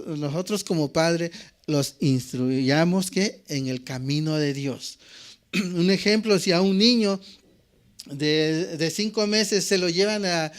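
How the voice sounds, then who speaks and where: Older Mexican pastor, smooth preaching voice. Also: male voice, high-pitched. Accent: Mexican Spanish. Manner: peppers phrases with questioning "¿verdad?"; repetitive, call-and-response preaching. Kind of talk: sermon.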